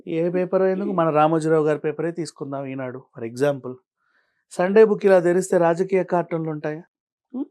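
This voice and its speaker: A man answering as an interview guest, arguing his point with a stream of pointed rhetorical questions and shifting from calm explaining to heated. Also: fairly high pitch, a little fast. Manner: argumentative, fires rhetorical questions. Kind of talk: studio interview.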